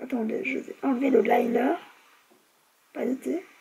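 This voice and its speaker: A young woman with a high, slightly husky voice talks casually through her favourite beauty products. She rambles in a chatty, self-mocking way, full of little hesitations. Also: fairly even intonation, moderate pace, warm tone, poor audio. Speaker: beauty vlogger. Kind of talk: casual product review chat.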